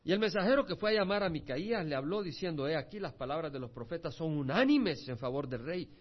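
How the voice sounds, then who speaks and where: A man's voice: fairly high pitch, expressive, fast talker, husky. A pastor preaching an expository Bible sermon, reading scripture aloud and then explaining it with asides to his listeners. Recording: muffled lo-fi recording.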